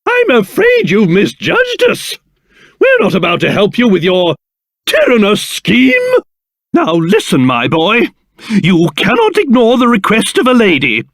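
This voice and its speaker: A man's voice: sits high, a bit bright, dry recording, clean studio sound, heavily acted. King Trode, swooping, pompous British old king. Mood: grave, exasperated, then indignant, blustering. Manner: theatrical, blustering, old-fashioned posh phrasing. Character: pompous, excitable, fatherly old king, easily outraged. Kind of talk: video game character voice acting.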